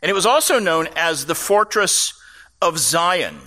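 A man's voice: on the high side, big pitch swings, unhurried, pushed and bright. A man preaching a sermon, explaining scripture passages with casual asides to the congregation. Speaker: pastor. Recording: long reverb of a large hall.

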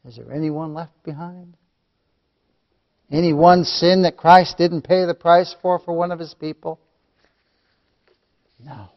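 A middle-aged man preaches slowly, with a slightly high voice. He swings from ringing proclamation down to hushed whispers. He repeats key phrases for emphasis. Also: flat delivery, muffled recording. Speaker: Sunday school teacher. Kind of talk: sermon.

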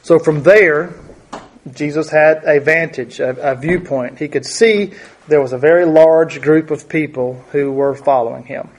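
A man teaching through a Bible passage in a conversational, halting way, with many restarts and asides. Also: a little high. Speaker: preacher.

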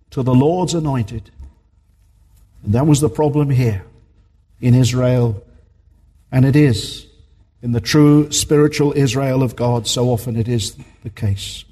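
A man's voice: medium pitch, warm tone, husky, big-room sound. A man preaching a sermon as a minister in a church, earnest and emphatic, repeating his key points.

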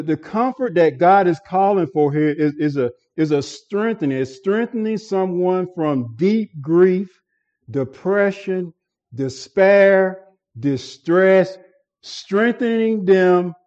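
Guy preaching real slow, keeps repeating himself, kinda muffled lo-fi sound. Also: a little high, dark tone. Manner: repeats words and restarts phrases while building emphasis. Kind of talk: sermon.

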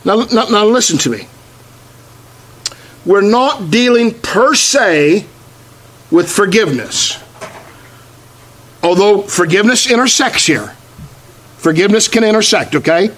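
A man preaching a sermon as pastor, repeating phrases and slowing down to stress key words. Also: sits high, lively intonation, a bit bright.

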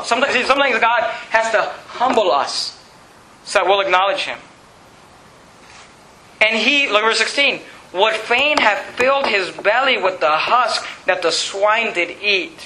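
A man's voice: high-pitched, sharp tone. A man preaching a sermon as pastor, earnestly addressing the congregation and reading scripture aloud. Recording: echoey room, faint ambient noise.

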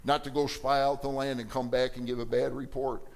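A man's voice: mid-range voice, flat delivery, fairly quick, gravelly. A middle-aged male pastor preaching a sermon with fiery emphasis, reading scripture aloud and acting out quoted voices.

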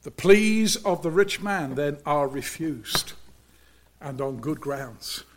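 The sermon comes from a man whose voice sits fairly high, and he takes it slow and measured, full of expression and emphasis. He tends to slip abruptly into near-silence, and a faint hiss or hum runs under the recording.

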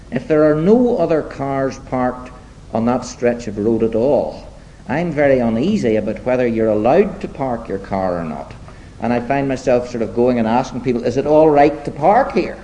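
A man preaching a sermon to his congregation, deliberate and emphatic, slipping into wry, self-deprecating asides. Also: mid-range voice, warm tone, muffled recording, slight background noise.

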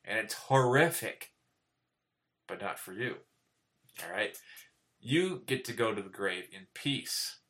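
A man's voice: medium pitch, sharp tone. A man preaching a sermon, reading scripture aloud and checking in with "okay?" after nearly every point. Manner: earnest, repeats "okay?" after most points; reads scripture aloud in old-style wording.

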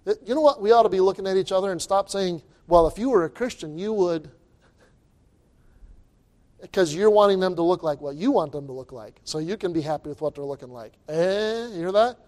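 A man's voice: high voice, expressive, fast talker, hardly any pauses, a little mellow. A man preaching an informal sermon as a pastor, emphatic and folksy, repeating phrases and restarting his sentences. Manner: folksy, colloquial wording.

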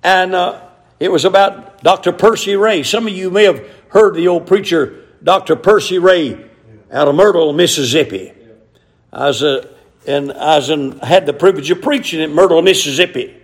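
A middle-aged man preaching a sermon, telling folksy stories and rising to shouted emphasis. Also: a little high, moderate pace.

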